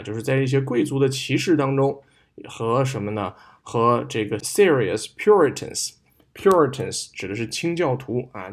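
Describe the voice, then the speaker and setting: Male tutor with a Mandarin accent, mid-pitched voice, patient recorded walkthrough that drops into English examples. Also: vocal fry. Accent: Mandarin Chinese. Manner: explains words patiently, switches between Chinese and English, models stress and pauses. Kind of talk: recorded lesson explaining a reading passage.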